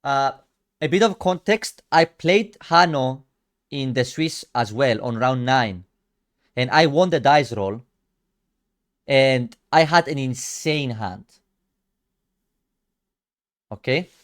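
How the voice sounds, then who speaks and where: Slow and given to long pauses, a young man from Cyprus with a Greek Cypriot accent comments on his own card games while streaming. His voice is medium-pitched. He chats with viewers in slang, addresses chat directly and often lowers into a mutter.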